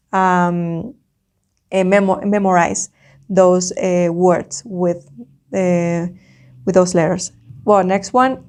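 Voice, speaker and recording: A woman, a native Spanish speaker with a Spanish accent, teaching a slow language lesson like a dictation, deliberately repeating words and sounds for the learner. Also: medium pitch, darkish tone.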